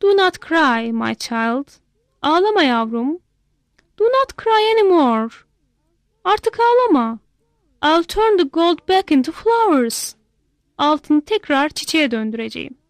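A woman reading aloud plays a greedy king who loves gold, soothing his child in a gentle, unhurried way. Her voice sits high and the story moves at a very slow pace. The sound is close and completely dry. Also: expressive, no echo. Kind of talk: bilingual read-aloud story.

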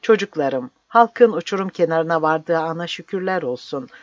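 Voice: mid-range voice, expressive, normal speed, dry recording, natural voice. A narrator voicing a fervent old village priest who preaches in a raised, impassioned voice, dry and slightly dull audio. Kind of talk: audiobook character voice.

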